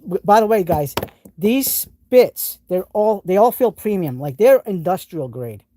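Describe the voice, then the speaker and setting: A man from New England, United States, with the accent to match, runs a live tool stream, demonstrating tools and replying to chat in an eager, rambling style full of restarts. His voice sits high and is expressive, unhurried, and dark in tone, with slight background noise.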